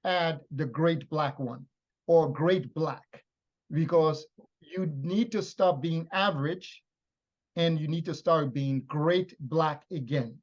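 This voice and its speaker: A man's voice: on the high side, slow pace, lo-fi sound. A man from Liberia teaching in a lecture style, stressing his points with repeated phrases. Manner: emphatic, repetitive teaching phrases.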